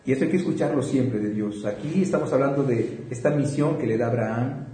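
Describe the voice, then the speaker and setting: A man teaching a Bible class, reading scripture passages slowly and asking his students questions. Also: medium pitch, dark tone, echoey room, a little hiss or hum, low-quality recording.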